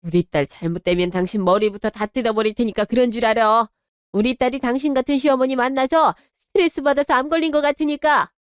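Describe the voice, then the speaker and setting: A woman's voice: on the high side, fairly even intonation, quick pace, clean tone, dry recording, studio quality, natural voice. A woman voicing a middle-aged mother in a radio drama, indignant and protective of her daughter. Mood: threatening. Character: bride's mother, protective and outraged.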